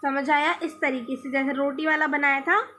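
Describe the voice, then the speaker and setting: Young female teacher, high voice, patient, repeats words slowly for kids; faint hiss on the track. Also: fairly even intonation, sharp tone. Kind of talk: Hindi grammar lesson for children.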